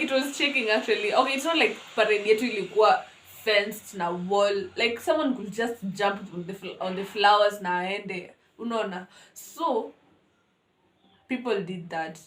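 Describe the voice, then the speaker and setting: A young woman with a Kenyan accent telling a school story on her vlog in an animated, dramatic way. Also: medium pitch, unhurried, long pauses, roomy sound. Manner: animated, dramatic, code-switching. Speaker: vlogger.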